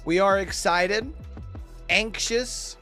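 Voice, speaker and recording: A man's voice: high voice, slow pace, bright, forceful tone, soft background music. A man hosting a watch party stream, chatting casually with his viewers and greeting them by name, heard through a livestream headset mic.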